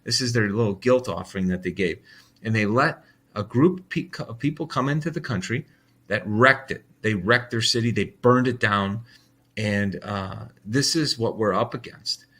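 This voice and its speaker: A man's voice: lowish voice, normal speed, fairly bright tone. An American man hosting a daily bible reading, talking in a heated, blunt way with swearing and many restarts. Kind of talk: ranting casual monologue.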